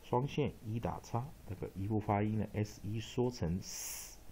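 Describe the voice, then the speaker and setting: A man teaching English pronunciation in a phonics lesson, speaking Taiwanese-accented Mandarin, spelling out letters and repeating rules, with frequent drawn-out fillers. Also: on the low side, mellow, slight background noise.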